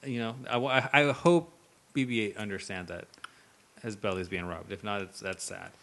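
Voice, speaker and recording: A man's voice: lowish voice, moderate pace, a bit bright. A man hosting a casual podcast chat, joking around and swearing easily while steering the talk. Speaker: podcast host.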